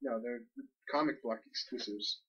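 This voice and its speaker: A man's voice: mid-range voice, moderate pace, sharp tone, breathy edge, distant mic, muffled recording. A man co-hosting a casual podcast, rambling and laughing as he unboxes comics. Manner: chatty, laughs often, rambling. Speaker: podcast co-host.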